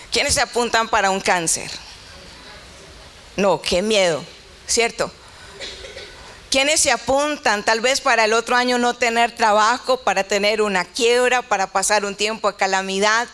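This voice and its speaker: A woman's voice: on the high side, sharp tone. A middle-aged woman pastor, telling a personal story in a conversational sermon and voicing both sides of the dialogue.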